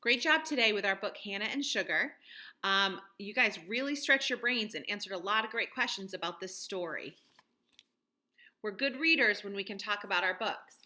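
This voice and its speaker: A thirtysomething woman, an elementary school teacher, leads a read-aloud lesson for children at home and prompts them with simple questions asked directly. Her voice is mid-range and bright with a pushed quality, moving at a moderate pace with lively intonation.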